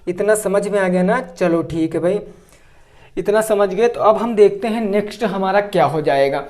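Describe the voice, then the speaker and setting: In an echoey room, a man teaches exam-prep grammar in a high, darkish voice at normal speed. He asks questions only to answer them himself, draws out example words, and repeatedly checks that his students are keeping up.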